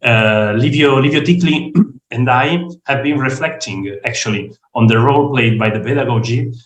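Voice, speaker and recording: Croaky-voiced man, mid-pitched, presenting a lecture online, roomy echo. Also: moderate pace. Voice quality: rough, croaky voice. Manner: hesitant, many fillers. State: hoarse. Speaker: guest speaker. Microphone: video call.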